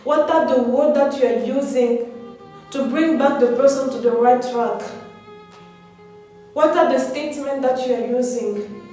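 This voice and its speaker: A woman's voice: sits high, a little slow, pauses often, mellow. A woman giving a motivational speech in an earnest, exhorting way, repeating phrases for emphasis. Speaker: motivational speaker. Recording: very echoey, distant mic, music behind.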